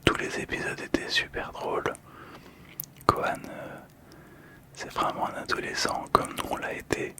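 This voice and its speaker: Speaking fully in a breathy, unvoiced whisper, the male ASMR host describes a card in a soft, calming, slow and gentle way, leaving pauses to soothe. An intimate close ASMR microphone picks him up, with headphone monitoring.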